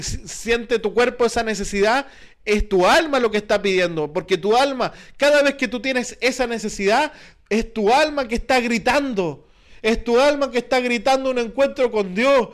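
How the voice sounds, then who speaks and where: A man with a Chilean Spanish accent preaches to his congregation. His voice sits very high, and he presses his points earnestly, circling back with repeated phrases and rhetorical questions. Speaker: pastor. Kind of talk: sermon.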